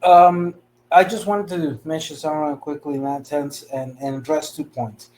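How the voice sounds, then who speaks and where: A man from Costa Rica speaking on a talk panel. His voice sits a little high, and he talks in a halting way with many fillers and restarts. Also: fairly even intonation, darkish tone, a little hiss or hum, poor audio. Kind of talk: panel discussion.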